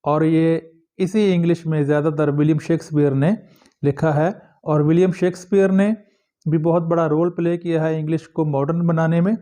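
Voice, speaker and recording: A male teacher giving a recorded lecture to students, reading English passages slowly and then explaining each one. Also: a little high, steady tone, mellow. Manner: addresses students directly.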